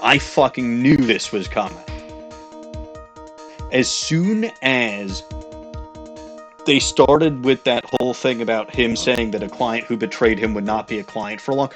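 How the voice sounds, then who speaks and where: A man's voice: medium pitch, moderate pace, few pauses. Exasperated man doing game commentary. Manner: exasperated, profane, thinking aloud. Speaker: let's play host. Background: game music.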